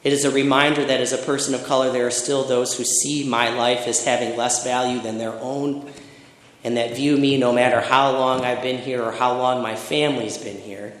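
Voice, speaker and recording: A middle-aged man from Michigan is preaching a sermon. He moves through personal stories at a steady, reflective pace and builds emphatic lists. His voice rings around a reverberant hall. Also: medium pitch, normal speed, a little hiss or hum. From Michigan, USA. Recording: echoey hall with long reverb.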